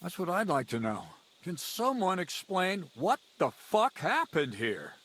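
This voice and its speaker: A blunt, swearing commander. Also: male voice, mid-range voice, animated, moderate pace, a bit bright, a little hiss or hum. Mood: exasperated. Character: blunt common-born camp commander, middle-aged.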